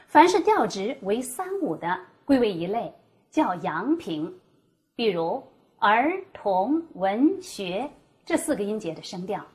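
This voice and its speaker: A woman explaining Mandarin tones as a teacher, demonstrating each tone with exaggerated pitch. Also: sing-song, a little slow, a little mellow. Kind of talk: scripted teaching dialogue.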